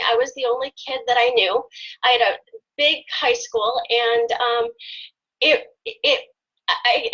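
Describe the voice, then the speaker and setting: A woman in her fifties telling a personal story in a hesitant, choked-up way, with many pauses and fillers. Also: a little high, pushed and bright, dull audio. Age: 50s. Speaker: volunteer guest. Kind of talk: emotional personal story on a live stream.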